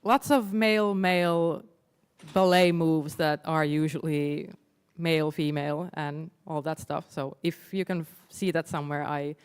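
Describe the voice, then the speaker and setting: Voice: medium pitch, fairly even intonation, measured pace, clean tone, big-room sound. An audience member at a convention panel giving a hesitant, casual recommendation with many fillers. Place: convention hall.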